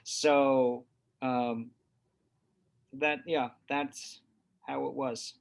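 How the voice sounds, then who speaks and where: A man's voice: medium pitch, fairly even intonation, drawn-out words, gravelly. A man from New Hampshire talks through his thoughts in an interview with a mid-range voice. He often restarts his sentences and gropes for words, in a casual, searching way. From New Hampshire, USA. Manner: searching and hesitant, with frequent restarts. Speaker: guest, father. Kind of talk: reflective interview talk.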